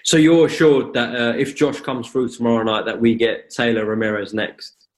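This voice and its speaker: A man's voice: mid-range voice, steady tone, moderate pace. A man hosting a boxing interview with conversational questions over a video call. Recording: roomy video-call sound.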